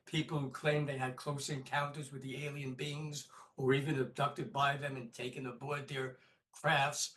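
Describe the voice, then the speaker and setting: A man hosting an interview, asking prepared questions in a measured way. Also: fairly high pitch, fairly bright tone. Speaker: interview host. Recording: distant from the mic.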